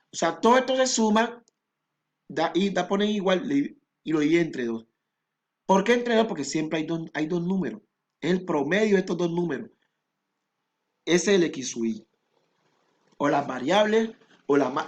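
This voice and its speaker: Man, math teacher, slightly high voice, patient, repeats steps. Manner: patient, repetitive step-by-step explaining. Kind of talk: recorded math lesson.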